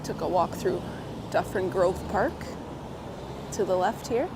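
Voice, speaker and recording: A lowish, unhurried voice belongs to a walking vlogger who is a little hoarse as she recovers from a cold. She chats casually on a live stream, laughing often and greeting viewers by name. Recorded outdoors through a coat-clipped mic, the clip carries city traffic and wind.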